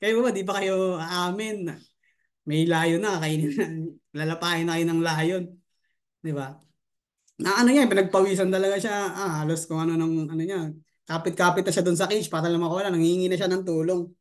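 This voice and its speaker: A man's voice: high voice, fairly even intonation, a little fast. A man who coaches affiliate marketing, telling a funny story on a live stream and laughing often as he chats.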